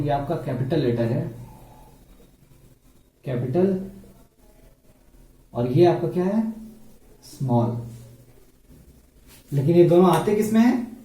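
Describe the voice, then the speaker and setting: A man teaches a beginners' grammar lesson, asking his own questions and answering them step by step. His voice sits a little high but sounds mellow. He is recorded from a distance in an echoey room.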